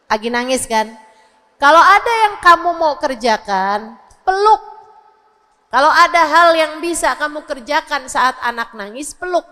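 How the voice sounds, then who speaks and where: A woman in her forties preaching to mothers, lively and conversational, acting out quotes of parents and children. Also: sits high. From Indonesia. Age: 40s. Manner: animated, acts out mothers and children in quoted voices. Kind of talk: religious lecture to women. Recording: long reverb of a hall.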